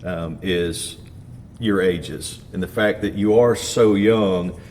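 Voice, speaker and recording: A man co-hosting an interview show and asking relaxed, friendly questions. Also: low voice, takes it slowly, a little hiss or hum. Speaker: co-host.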